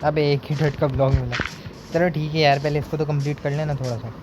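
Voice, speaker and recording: A man's voice: fairly high pitch, fairly even intonation, fast talker. A young man streaming a building game, chatting casually as he plays, counting blocks aloud and dropping English words into his talk. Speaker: gaming streamer. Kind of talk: casual gameplay commentary. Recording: noticeable background noise.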